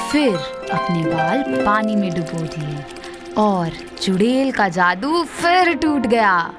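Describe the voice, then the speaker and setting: A woman narrating a children's storybook tale in a gentle, unhurried storytelling manner. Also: mid-range voice. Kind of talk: scripted narration.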